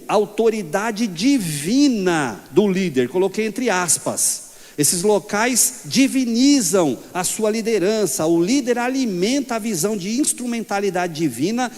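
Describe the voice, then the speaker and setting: Man teaching a lively church Bible class. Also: high-pitched. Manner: lively, storytelling, humorous asides. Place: church hall. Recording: long reverb of a church hall.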